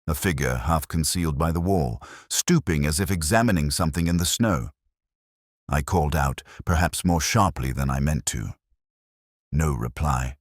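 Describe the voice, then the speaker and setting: A man playing a melancholy older police inspector, narrating a detective drama in a measured, literary, reflective way. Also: very deep voice, dry recording, studio quality. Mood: wistful, reflective. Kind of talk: scripted first-person detective drama narration.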